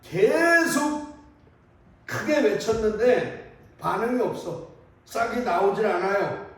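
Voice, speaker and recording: High-voiced priest in an echoing church. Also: male voice, lively intonation, measured pace, darkish tone. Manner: conversational storytelling, asking the congregation questions. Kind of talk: sermon. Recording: echoey church from a distant mic.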